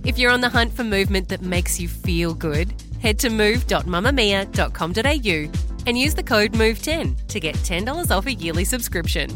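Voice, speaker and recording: A woman's voice: medium pitch, animated, normal speed. Australian woman reading an ad over music. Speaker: advertisement voice-over. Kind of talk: scripted promotional read.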